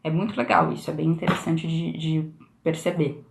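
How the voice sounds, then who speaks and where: A woman's voice: low-pitched, steady tone, moderate pace, creaky. A woman from Brazil giving a casual live lesson on English pronunciation, explaining in a chatty way with frequent question tags, recorded on a phone indoors. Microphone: phone camera on a live stream.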